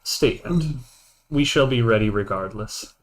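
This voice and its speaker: A man's voice: medium pitch, animated, normal speed, close to an everyday voice. A man in a tabletop game voicing a stiff, formal character who announces each remark with a label before saying it. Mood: measured. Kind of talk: in-character tabletop role-play.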